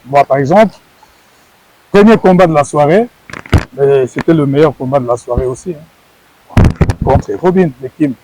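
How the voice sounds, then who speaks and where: This man's voice is a little high, mellow, and slightly rough, captured in a low-quality recording. He's middle-aged, from Congo, and once a wrestler, responding sincerely to an interviewer and repeating words as he gropes for expressions.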